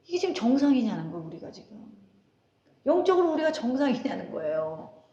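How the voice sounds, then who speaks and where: A woman pastor in her forties preaches in a high, bright voice, chatting with the congregation and firing questions at them. She slips into stories and laughs along the way. Her voice rings around an echoey church sanctuary. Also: sing-song, fairly quick, muffled recording. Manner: conversational, asks the congregation questions, tells anecdotes with laughter. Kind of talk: sermon.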